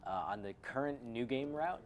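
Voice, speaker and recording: A man's voice: mid-range voice, normal speed, slight background noise. A man giving casual commentary on a game run, chatty and explaining with plenty of fillers. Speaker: marathon commentator.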